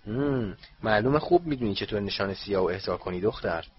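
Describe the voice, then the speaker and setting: A man's voice: lowish voice, animated, husky, no echo. A man voicing a stern, curt middle-aged male official with a dry, clipped delivery, on a dull lo-fi recording. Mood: suspicious.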